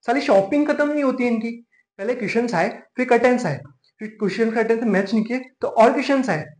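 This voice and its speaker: A man's voice: extremely high pitch, fast, a little mellow. A man performing a scripted comic rant monologue, exasperated and ranting, mixing in English phrases. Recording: echoey room.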